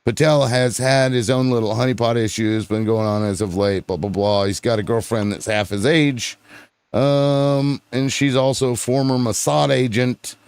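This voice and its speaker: A man's voice: medium pitch, steady tone, darkish tone, clean tone, no echo. A man hosts a casual political panel over an online call, stopping and restarting as he looks things up. His voice sits mid-range and sounds dry and close. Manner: halting, looks things up and reads aloud. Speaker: host of a panel show. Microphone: online audio call.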